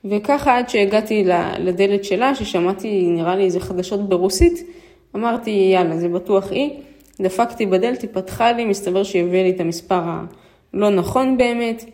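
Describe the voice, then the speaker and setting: Mellow Israeli woman, casual storyteller. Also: medium pitch. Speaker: vlogger. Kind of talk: casual personal storytelling and appeal to listeners.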